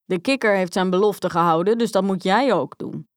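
A woman's voice: on the high side, expressive, fast talker, mellow, dry recording, close to an everyday voice. A woman voicing a stern, firm king in a storybook reading, staying close to her own voice. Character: stern fairy-tale king, an older man.

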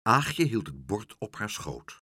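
A man reading a children's book aloud, animated, switching into character voices. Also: lowish voice, slow pace, breathy edge, no room sound, clean studio sound. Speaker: storyteller.

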